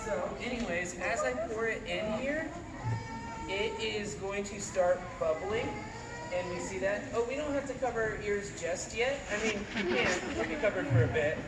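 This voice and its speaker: In a large indoor event hall, a young male science educator performs a live demo, cheerfully explaining every step to the kids. His high-pitched voice runs at normal speed. The recording is very noisy, picked up far from the mic in an echoey space with crowd chatter behind.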